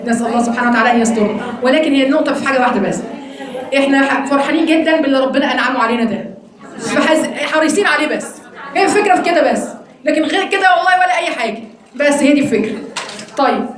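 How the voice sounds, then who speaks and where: A woman with an Egyptian accent teaching an interactive Quran study lesson, quizzing her students in a quick, teasing way. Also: sits high, heavy reverb. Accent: Egyptian Arabic.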